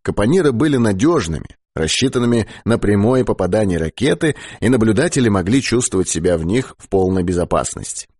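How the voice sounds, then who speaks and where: Male audiobook narrator, low husky voice, lively pitch, dry close sound. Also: brisk, few pauses, no room sound. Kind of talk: audiobook reading of science fiction.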